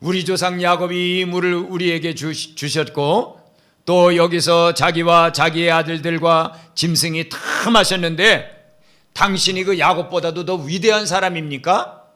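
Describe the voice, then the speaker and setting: A pastor putting on a scornful Samaritan woman at the well, sharp retorts, higher pitch. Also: steady tone, measured pace. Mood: sarcastic.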